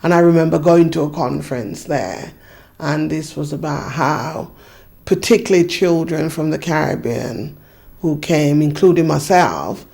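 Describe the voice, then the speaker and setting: A woman in her fifties speaks in an interview with a gravelly, fry-tinged voice. She reminisces thoughtfully and earnestly, circling back on her phrases with a steady "you know". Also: low voice, unhurried. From Jamaica. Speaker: community activist. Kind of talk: reflective interview recollection.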